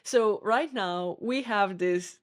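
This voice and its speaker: A woman's voice: mid-range voice, takes it slowly. Woman, podcast co-host, casual chat, thoughtful, hesitant restarts.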